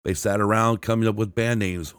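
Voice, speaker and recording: Low-voiced man reading rock history. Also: steady tone, brisk, clear, resonant tone, no echo, clean studio sound. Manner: reads from a script with frequent restarts and self-corrections; marks quotes aloud with "and I quote" and "end quote". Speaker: podcast host. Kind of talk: read-aloud music history narration.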